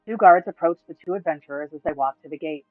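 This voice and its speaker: A man narrating a tabletop game session as dungeon master, in steady storybook style. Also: fairly high pitch, fast, no echo. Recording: tinny, phone-like, dry, faint music.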